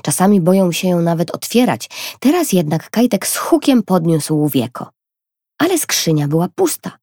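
A woman narrating a children's storybook in an expressive, lively reading. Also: fairly low pitch, moderate pace, no echo, studio quality.

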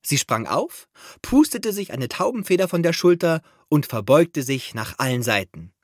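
A man reading a children's audiobook aloud in an expressive storytelling manner. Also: on the high side, moderate pace, dry recording, studio quality. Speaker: narrator.

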